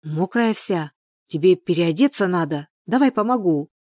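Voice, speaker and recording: A woman's voice: on the low side, lively intonation, moderate pace, darkish tone, no echo, clean studio sound. A woman voicing a fussy village neighbor who acts as midwife, scolding and fussing in a folksy way.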